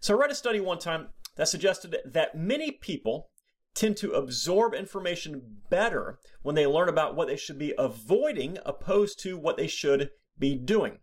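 A man with a slightly high, very animated voice hosts his own podcast. He delivers a scripted solo talk with emphatic stresses and a sarcastic edge, and his pitch swoops up and down through each sentence. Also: normal speed. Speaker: podcast host.

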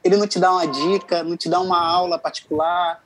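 A man's voice: high voice, flat delivery, fast, crowd noise, low-quality recording. A young man, a singer, telling stories casually as an interview guest, laughing often. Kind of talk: casual storytelling.

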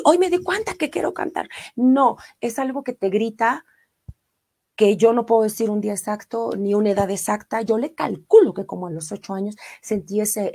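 On a relaxed live stream, a middle-aged Mexican-accented singer reads her viewers' comments aloud, responding warmly and effusively. She speaks at a medium pitch.

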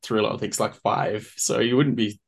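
A man's voice: on the low side, fairly even intonation, a little fast, gravelly, slightly rough. A man hosting a podcast interview, with a dry, teasing way of talking. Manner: dry, teasing, reads quotes aloud. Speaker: podcast host. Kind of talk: casual interview.

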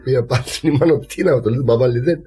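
A man's voice: medium pitch, mellow. A man from Crete, a lyra player, telling rambling family anecdotes in a casual interview. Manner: rambling anecdotal storytelling with laughs.

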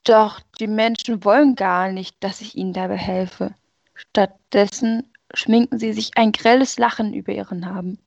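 A woman reading aloud as a sorrowful, rejected female personification of Sadness, in a slow and earnest way. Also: mid-range voice, fairly even intonation, vocal fry, no room sound, highs cut off. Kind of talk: story reading.

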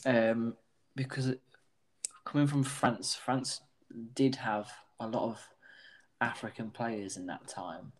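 A man works through a football quiz out loud. He hesitates and muses over his guesses in a casual, mid-pitched voice. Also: steady tone, takes it slowly, long pauses. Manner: thinking aloud, hesitant guesses. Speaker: quiz contestant.

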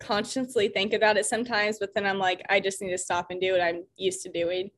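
A woman's voice: medium pitch, level tone, a little fast, a bit bright. Chatty young Midwestern woman. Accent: Midwestern American. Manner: chatty, frequent "like" fillers, self-deprecating. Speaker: podcast co-host. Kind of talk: casual chat.

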